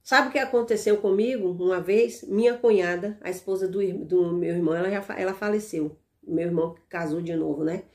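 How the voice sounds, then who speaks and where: A woman's voice: lowish voice, fairly even intonation, brisk, darkish tone. A woman with a Brazilian Portuguese accent telling an evangelical testimony in a casual, emphatic way, repeating words and restarting phrases. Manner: emphatic, repetitive storytelling with restarts. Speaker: evangelical channel host.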